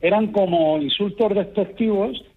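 A middle-aged man from Extremadura, raised in Madrid, calling in to a radio show, calm and unhurried as he tells his stories. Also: high-pitched, a crowd in the background. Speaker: caller. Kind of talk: phone-in chat. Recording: dull phone-line sound.

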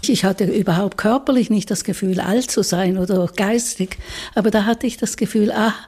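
A woman's voice: medium pitch, moderate pace, darkish tone, breathy edge. A woman in her eighties with a Swiss accent, a psychologist speaking frankly in a recorded interview. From Switzerland. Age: 80s.

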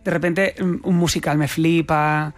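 There's no room sound around this young man from Spain, an actor whose voice sits a little high. Appearing as an interview guest, he chats casually, speaking quickly and animatedly, often laughing and restarting what he's saying.

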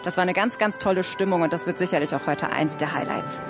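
A woman reports live from a stadium for radio, describing the scene in a lively, spontaneous way. Faint music can be heard behind her. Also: lowish voice, quick pace.

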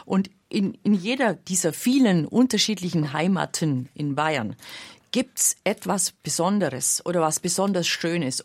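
A woman speaking with heartfelt conviction in a discussion, listing things she holds dear. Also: mid-range voice. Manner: heartfelt, lists things with feeling. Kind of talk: conversational discussion.

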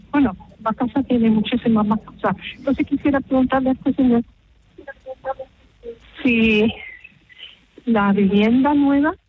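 A woman calling in to a radio advice show over the phone, explaining her problem in a halting way and repeating herself. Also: a little high. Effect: heard over the phone. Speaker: radio caller. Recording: tinny phone line, faint noise.

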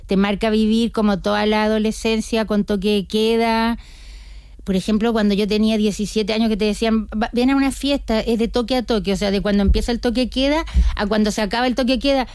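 A woman's voice: medium pitch, steady tone, fast, darkish tone, smooth, no echo, studio quality. A woman in her sixties, a guest on a radio interview, telling stories with many restarts. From Chile. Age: older. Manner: chatty, storytelling with many restarts.

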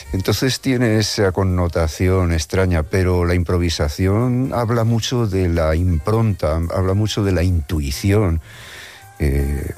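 A musician from Madrid, Spain, answers a radio interview in a very low, deep voice with a Madrid Spanish accent. He thinks aloud thoughtfully and haltingly, restarting his sentences many times. Quiet music hums faintly underneath.

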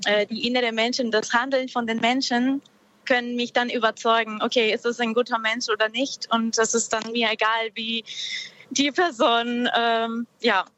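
A woman from Peru calls in as a guest on a radio show, speaking reflectively and hesitantly, searching for words in a casual conversation. Her slightly high, fairly bright voice is delivered flatly at normal speed over a dull, lo-fi connection with a little hiss or hum.

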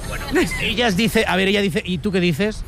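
A man's voice: sits high, gravelly, over music, crowd noise. A man interviewing passers-by on a city street in a chatty, teasing way. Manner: chatty, teasing, quick asides. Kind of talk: playful street vox pop.

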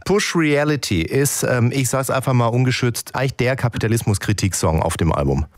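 A man's voice: medium pitch, animated, brisk, no room sound, studio quality. A man hosting a radio music show, interviewing a guest in a friendly, conversational way.

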